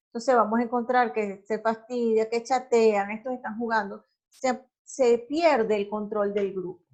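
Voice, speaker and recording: A woman teaching a recorded class lecture, explaining slowly and checking in with the listeners often. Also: on the high side, a little mellow.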